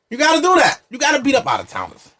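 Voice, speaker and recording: This podcast host has an extremely high, pushed, bright voice. Recording in a studio while drinking alcohol, the Brooklyn, New York man keeps things loose, profane, brash, and provocative, laughing often.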